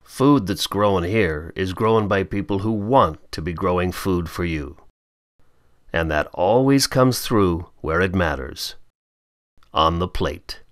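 A man from Canada narrating a scripted promotional voice-over in a calm, measured, unhurried way. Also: deep voice, no room sound.

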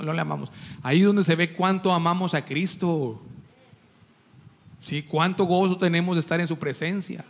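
High-voiced pastor preaching. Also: male voice. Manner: preaching with rhetorical questions to the congregation; jokes with the congregation. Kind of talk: sermon.

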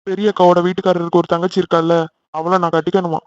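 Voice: mid-range voice, flat delivery, racing, darkish tone, no room sound, dull audio, close to an everyday voice. A performer voicing a whiny, pleading young man who is the younger brother in a family cartoon. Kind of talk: cartoon voice acting.

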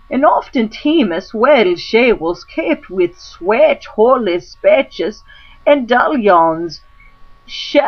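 A woman recites old devotional prose in Middle English pronunciation, with archaic vowels throughout. Her pitch sits in the middle of the female range and her pace is on the slow side. The recording is a little dull and lo-fi. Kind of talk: recitation of a medieval religious prose text.

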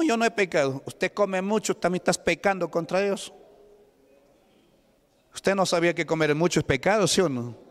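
A man with a Peruvian Spanish accent preaching a Pentecostal sermon, often asking the congregation questions and drawing call-and-response. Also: on the high side. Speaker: pastor. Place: church hall. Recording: church hall reverb.

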